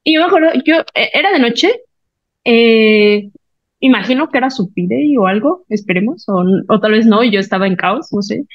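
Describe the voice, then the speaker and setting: A woman gives an emotional personal testimony, retelling conversations in animated voices. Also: fairly high pitch, normal speed, no room sound, muffled recording. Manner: emotional, animated storytelling with lively retold quotes. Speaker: podcast guest.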